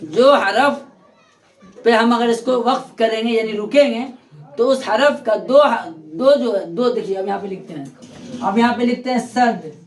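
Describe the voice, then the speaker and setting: His very high-pitched voice moves at a moderate pace as he teaches grammar to a class, repeating key terms and testing his students with questions. The recording picks up the echo of a classroom with a board.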